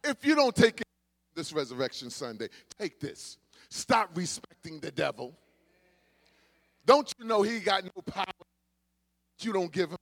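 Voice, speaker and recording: A male pastor a sermon, dropping to quiet asides and then rising into shouted exhortation. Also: very animated, measured pace, long pauses. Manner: swings from low murmurs to shouted exhortation.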